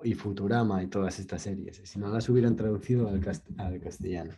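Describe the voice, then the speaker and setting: A man's voice: on the low side, steady tone, fairly quick, warm tone. A young Spanish man with a Spain Spanish accent, co-hosting a podcast and telling stories in an easygoing casual chat. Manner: storytelling, easygoing. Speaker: podcast co-host. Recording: dull lo-fi recording.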